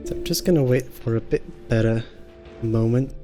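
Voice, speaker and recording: A man hosting a gaming channel, calmly thinking aloud through his tactics as let's-play commentary. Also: medium pitch, moderate pace. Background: game music.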